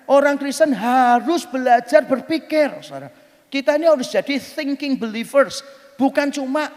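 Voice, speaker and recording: High, lively preacher in a hall. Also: male voice. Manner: lively, humorous storytelling with mock voices. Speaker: pastor. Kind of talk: sermon. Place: church hall. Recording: long hall reverb.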